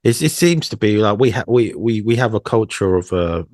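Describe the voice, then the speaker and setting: Podcast co-host: low-pitched British guy, dead-dry mic, animated and cheeky. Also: normal speed, dry recording. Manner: animated, laughing, swearing. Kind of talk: casual chat.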